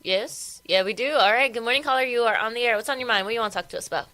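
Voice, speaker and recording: A woman's voice: fairly high pitch, racing, bright, forceful tone. A female radio co-host greeting callers in a bubbly, upbeat way. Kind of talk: casual talk radio hosting.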